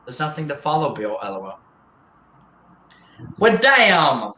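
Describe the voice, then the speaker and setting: Rambling man streamer, bright and roomy. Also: a little high, very animated. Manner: rambling, halting, with many restarts and repeated words. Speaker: livestream host. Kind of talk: casual chat on a livestream. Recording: roomy echo.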